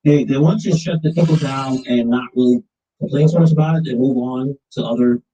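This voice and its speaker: A man giving casual advice in a group chat, haltingly, repeating his words. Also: mid-range voice, dark tone, rough recording.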